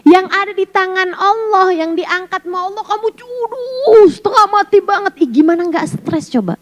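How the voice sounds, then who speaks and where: A woman preacher giving a casual sermon to women, lively and teasing, full of rhetorical questions. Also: very high-pitched, brisk, a little hiss or hum, low-quality recording. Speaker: Islamic preacher.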